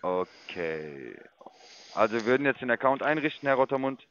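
A man's voice: medium pitch, sing-song, moderate pace, a bit bright, highs cut off. A man working as an investment sales caller, lecturing and condescending as he walks a customer through a sign-up. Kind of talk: phone sales call.

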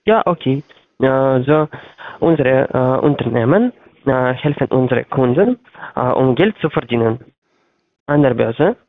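A man with a foreign, non-native accent in German, speaking haltingly as he searches for words on a sales phone call. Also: mid-range voice, animated. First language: not German. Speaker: phone sales agent for trading platform. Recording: tinny, narrow-band phone line.

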